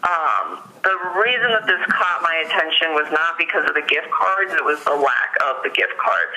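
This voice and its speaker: An American woman describes what she witnessed during a phone interview, her low voice bright and forceful despite the rough, thin telephone sound. She hesitates frequently and leans on "like" a lot as she recounts the events.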